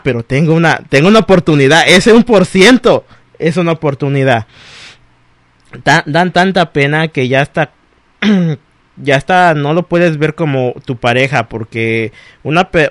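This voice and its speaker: A man, co-hosting a casual chat, animated and laughing often. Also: on the high side, unhurried, dry recording. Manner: animated, laughs often, acts out quoted voices. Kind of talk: casual chat about exes.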